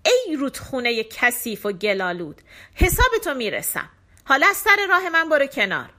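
A woman voicing an angry male demon who shouts threats in a storybook. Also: a little high, big pitch swings. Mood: furious.

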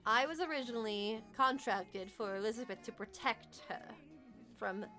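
A woman playing a proud, aloof male fae noble in a tabletop game, speaking in a cool, measured, formal and condescending way. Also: a little high, bright, forceful tone, soft background music. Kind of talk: tabletop role-play acting.

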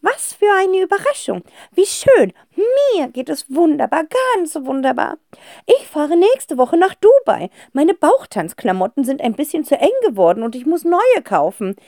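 A woman playing a shrill, cackling old aunt. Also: sing-song, a little mellow, no room sound, clean studio sound. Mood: gushing. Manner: gushing, drawn-out and shrill. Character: eccentric old aunt, loud, cackling, theatrical. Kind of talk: children's audiobook character voice.

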